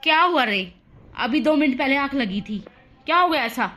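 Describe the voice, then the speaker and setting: A woman's voice: high-pitched, animated, moderate pace, sharp tone. A woman voicing a weary, fed-up older mother-in-law in a cartoon story, talking in a tired, complaining way.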